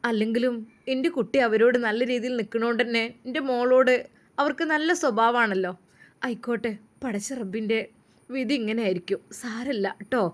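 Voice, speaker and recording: A woman's voice: fairly high pitch, a little fast, close to an everyday voice. A woman doing a resigned, consoling mother. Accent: Malappuram Malayalam. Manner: consoling, resigned, talks of fate and God. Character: worried mother of the young wife, resigned and devout.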